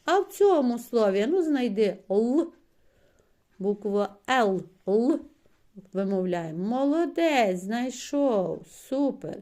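Slow, patient woman teacher. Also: on the high side, big pitch swings, warm tone. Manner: patient, coaxing, frequent praise, drawn-out sounds. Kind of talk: one-on-one reading lesson with a child.

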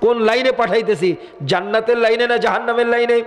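A man's voice: very high-pitched, steady tone, quick pace. A man preaching a sermon, firing rhetorical questions at the crowd and chanting some phrases in a sing-song way. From Bangladesh. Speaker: Islamic preacher. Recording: echoey hall with long reverb.

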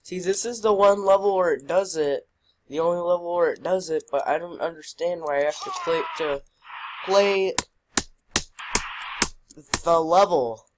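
A man's voice: high voice, measured pace, long pauses, poor audio. A man giving rambling, jokey commentary while playing a video game, often puzzled by what happens. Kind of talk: casual gameplay commentary. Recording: loud background noise.

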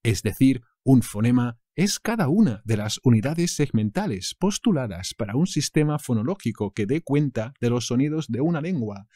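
Give me a playful male Spanish teacher from Spain with a Spanish accent, mellow voice, dry recording. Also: mid-range voice, sing-song, normal speed, hardly any pauses, dry recording. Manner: playful, with jokey asides and silly sounds. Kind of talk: language lesson for English speakers.

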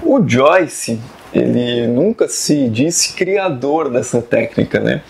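Chatty, gravelly-voiced man. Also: mid-range voice, sing-song, slow, darkish tone. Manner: chatty and digressive, with many asides and tag questions. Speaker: writing teacher and video host. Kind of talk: casual talk to camera about fiction writing.

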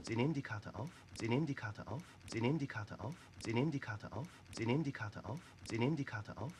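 An actor playing a uniformed officer who leads a guessing game at a table, giving playful instructions in a film scene. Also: male voice, medium pitch, lively intonation, fast talker, background noise, natural voice. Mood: game-leading. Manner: instructing, playful, laughs often. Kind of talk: film dialogue.

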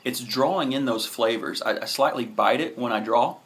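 Male vlog reviewer, thirties, average pitch, laid-back and halting delivery, speaking casually to a camera at arm's length. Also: fairly bright tone. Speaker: cigar reviewer, host.

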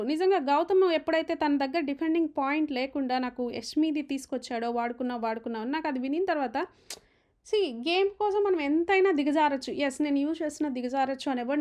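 A woman giving an opinionated, emphatic recap of a reality show argument. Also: high-pitched. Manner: fast, animated, emphatic, retelling arguments.

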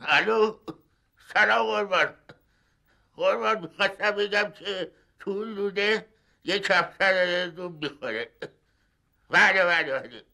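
A whiny old hotel guest, frail and fussy, who keeps sighing and complaining. His voice sits high and sounds bright and sharp. This is a sitcom character. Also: vocal fry, pauses often, full character voice. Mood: eager. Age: older. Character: fretful elderly male hotel guest, sickly and fussy. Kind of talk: sitcom acting.

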